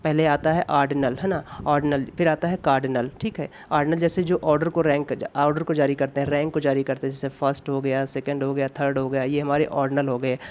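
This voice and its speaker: A man teaching English grammar for exam preparation, asking himself questions, answering them, and reading example sentences very slowly. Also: on the high side, flat delivery. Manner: asks rhetorical questions and answers them, repeating key points. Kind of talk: classroom lecture explaining grammar questions.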